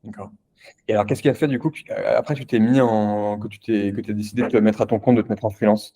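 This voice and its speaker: A man hosting a casual interview, asking questions in a halting way with many restarts. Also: lowish voice, steady tone, mellow. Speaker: interviewer, host.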